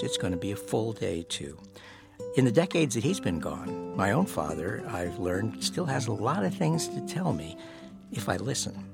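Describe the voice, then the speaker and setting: A man hosting a podcast, speaking gently and thoughtfully from a studio. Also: fairly low pitch, creaky. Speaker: podcast host. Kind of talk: reflective narration and phone interview. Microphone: studio mic.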